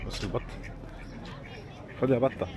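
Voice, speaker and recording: In a casual walking vlog, a man with an Egyptian Arabic accent speaks to viewers at a moderate pace and medium pitch while moving, mostly outdoors, through a tourist village. Crowd noise from the tourist spot, including people's voices, sits behind him.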